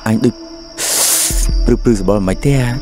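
An actor playing a gruff, curt man. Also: mid-range voice, normal speed, loud music behind the voice, natural voice. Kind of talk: film drama acting. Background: loud film score.

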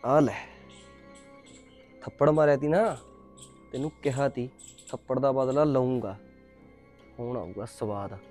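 A man in a short film playing a threatening, scornful man out for revenge, talking loudly. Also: mid-range voice, takes it slowly, long pauses, faint music behind, natural voice. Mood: angry, scheming. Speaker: vengeful man spying on the heroine.

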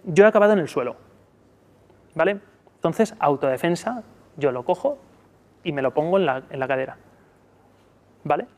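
A man with a Spanish accent giving a live workshop talk on child tantrums, checking in often with a quick "¿vale?". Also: animated, darkish tone, big-room sound. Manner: peppers sentences with "¿vale?"; acts out soothing talk to a child in a high voice. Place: conference room.

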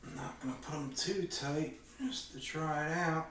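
In a small room at home, a middle-aged man casually demonstrates a product for his hobby vlog, speaking at a moderate pace in a voice that's a little high and fairly bright. His manner is folksy, informal and plain-spoken. With the camera a few metres away, the audio is distant, very echoey and carries faint noise.

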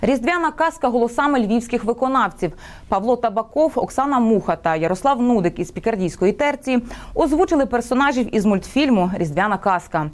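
A woman's voice: a little high, expressive, fairly quick, darkish tone. A woman news anchor reading scripted news in a formal broadcast style.

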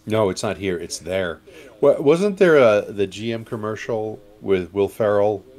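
A man's voice: fairly low pitch, animated, unhurried, a little mellow. A man co-hosting a casual news chat show, with dry, teasing remarks. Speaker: podcast co-host.

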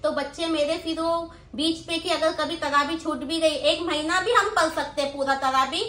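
A middle-aged woman with a Mumbai accent talks casually about her groceries as a vlogger, explaining things and checking in with little questions. Her voice sits high and is fairly bright, with fairly even intonation at a moderate pace. She's seated on the floor in a small indoor room, recorded on a phone held by someone nearby, with roomy echo and faint noise in the background.

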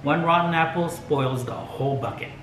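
Seated at his home dining table, this RV travel vlogger, an older man with a fairly high voice, talks to the camera about mapping out an RV road trip. His delivery is slow and full of opinions, broken by the occasional chuckle. The fixed camera across the table picks up a reverberant room and background noise.

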